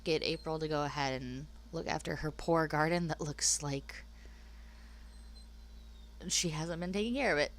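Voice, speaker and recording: Low, nasal voice of a sick woman. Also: normal speed, long pauses. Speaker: gameplay narrator. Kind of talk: casual game commentary.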